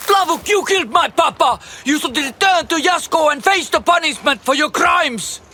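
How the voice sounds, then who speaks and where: A man voicing a rash, defiant young Boryot in high, strained outbursts. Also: animated, moderate pace, sharp tone, slight background noise, heavily acted. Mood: outraged.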